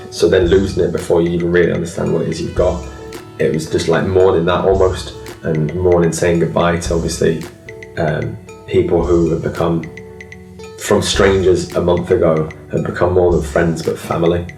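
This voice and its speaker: A man's voice: sits low, gravelly, a little mellow, reverberant, recorded from a distance. A man speaking thoughtfully and wistfully in a documentary interview.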